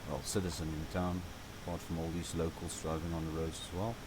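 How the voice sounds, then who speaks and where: Talking fairly quickly, a deep-voiced gaming host whose first language is Afrikaans gives loose, chatty tutorial commentary on a driving game in a South African accent. He rambles with fillers and grumbles a little, while an air conditioner hums steadily beneath him.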